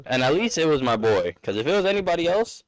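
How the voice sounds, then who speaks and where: A man chats casually on a podcast in a relaxed, slangy way. His pitch moves around a lot as he talks. The sound is dry and close to the mic. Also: fast talker, no room sound. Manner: animated, laid-back slang. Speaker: podcast co-host.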